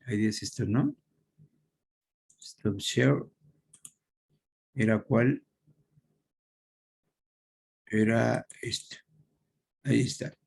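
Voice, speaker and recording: A man's voice: medium pitch, fairly even intonation, drawn-out words, gravelly, pauses often, a little mellow, husky. A man teaching an online class, patient and checking often that his students follow. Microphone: computer microphone on video call.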